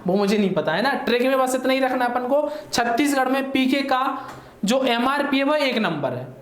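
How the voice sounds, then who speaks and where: A man's voice: very high-pitched, animated, moderate pace, a bit bright. Guy teaching an online exam-prep class, chatty, keeps checking in, echoey room.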